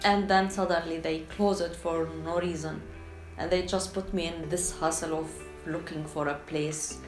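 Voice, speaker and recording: Speaking steadily at a moderate pace in a low-leaning voice, a Syrian freelance translator with an Arabic accent opens up in a casual documentary interview. She often pauses to search for words in her second language, and the roomy recording has music in the background.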